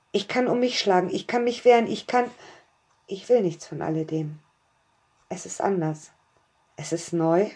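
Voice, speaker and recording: Brief: woman narrator, lower pitch, mellow, calm and intimate. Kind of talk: first-person story narration.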